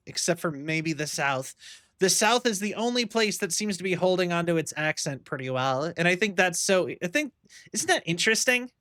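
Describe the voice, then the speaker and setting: A man's voice: high-pitched, bright, forceful tone, clean tone, no room sound, studio quality. A young man livestreaming a game, musing aloud in a rambling, casual way. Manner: rambling, musing, many fillers. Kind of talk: casual chat while gaming. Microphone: streaming mic.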